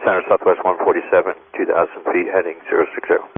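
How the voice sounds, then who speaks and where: A man's voice: deep voice, level tone, fast. A man speaking as an airline pilot over a cockpit headset radio, making clipped, procedural calls. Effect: aircraft radio transmission. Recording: tinny narrowband cockpit radio, faint static.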